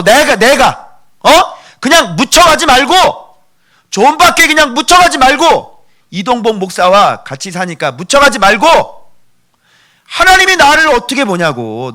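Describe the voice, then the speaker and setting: A male pastor delivers a sermon with theatrical flair, often tossing quick questions to the congregation. His voice sits high and sounds bright. His pitch swings widely from line to line. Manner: playful, theatrical, quizzing the congregation.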